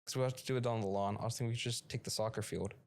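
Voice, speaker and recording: A man's voice: lowish voice, steady tone, rapid-fire, a little mellow, a little hiss or hum. A young man co-hosting a casual student podcast, easygoing and joking. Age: young adult. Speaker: podcast co-host. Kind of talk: casual chat.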